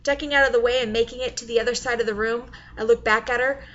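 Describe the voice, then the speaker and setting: A woman narrating an audiobook in the first person in a wry, expressive way. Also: on the high side, quick pace, lo-fi sound.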